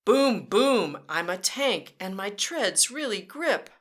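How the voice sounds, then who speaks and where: Slowly, with big swings in her medium-pitched voice, a storyteller reads a picture book to children during storytime. She talks directly to them in a sing-song style and makes playful vehicle sound effects.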